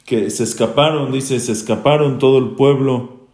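A man's voice: medium pitch, moderate pace, darkish tone, echoey room. A man teaching a Torah class, reading Hebrew verses aloud and then translating them, and he grows rising and emphatic when quoting.

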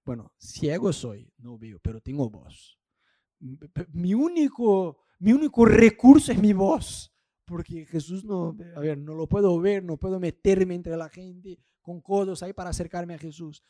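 A man's voice: high voice, animated, measured pace, dry recording. A man voicing a desperate blind beggar. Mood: pleading. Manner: pleading, then shouting.

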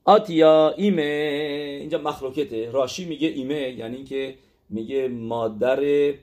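A man's voice: fairly high pitch, darkish tone. A man teaching a religious text lesson, explaining step by step with frequent hesitations and fillers.

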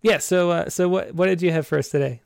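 A man's voice: high-pitched, quick pace, creaky, smooth, dry recording, clean studio sound. A man hosting an online poetry show in an informal, slightly hesitant way, moving between chat and reading aloud. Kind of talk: casual hosting and poem reading.

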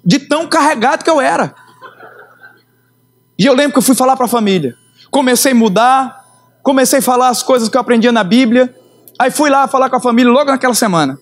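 A middle-aged man, preaching his conversion testimony with emotional storytelling that swings in pitch and slows for emphasis. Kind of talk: sermon testimony.

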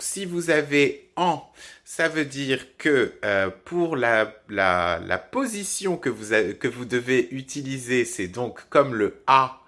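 A man teaching French pronunciation on a podcast, halting with many fillers and restarts. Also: medium pitch, fairly bright tone. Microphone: podcast microphone.

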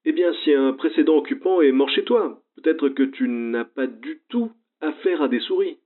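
A man's voice: on the high side, moderate pace, voice pushed up. A man voicing a worried older woman friend speaking over a phone filter, hesitant and fretful. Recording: tinny phone line.

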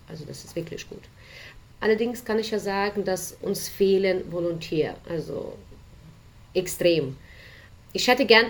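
Ukrainian woman, halting German, low-pitched. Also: slight background noise. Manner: hesitant, many fillers, non-native grammar. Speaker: volunteer interpreter guest. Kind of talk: casual interview talk. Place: home office.

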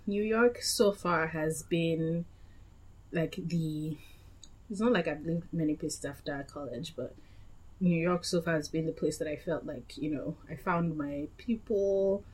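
Young Nigerian woman, casual chat, lowish register, rambling and self-correcting. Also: a little slow, a little mellow, breathy edge. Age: young adult. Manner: chatty, meandering, with frequent self-corrections. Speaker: guest.

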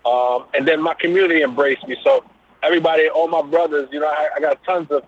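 On the high side and steady in tone, this fast-talking middle-aged man from Brooklyn has a New York accent. A business owner appearing as a guest in a casual interview through a phone-like line, he speaks easily about his background, relaxed and heavy on loose fillers.

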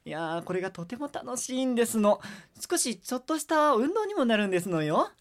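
A woman's voice: fairly high pitch, sing-song, brisk. Playful woman in mock-posh lady talk. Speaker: chat participant. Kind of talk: casual group chat.

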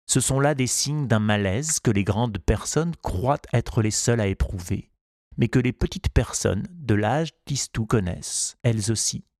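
A man reading a children's storybook aloud in a measured, unhurried way. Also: lowish voice, a little mellow, no room sound, clean studio sound. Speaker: narrator.

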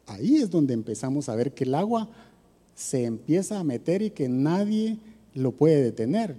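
A man preaching in a relaxed, conversational way, with a somewhat raised pitch. His tone is very mellow and husky, and it rings with a long hall reverb. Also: normal speed. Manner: asks the audience rhetorical questions. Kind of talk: conversational sermon talk.

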